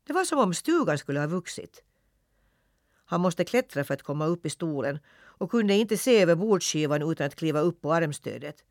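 A man narrating a classic children's story for radio in a lively, expressive reading. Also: a little high, no echo, clean studio sound.

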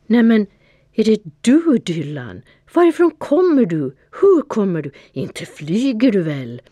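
A woman's voice: low voice, big pitch swings, mellow, no echo, studio quality. A woman voicing a wide-eyed young female cat who stammers with wonder, in a storybook reading. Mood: astonished.

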